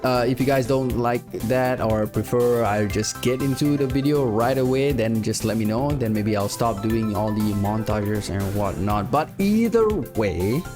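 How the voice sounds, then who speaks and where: A man with a nasal, croaky voice, sick but chatty, rambling through casual gameplay commentary. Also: lowish voice, measured pace, few pauses, music in the background. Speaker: gaming youtuber.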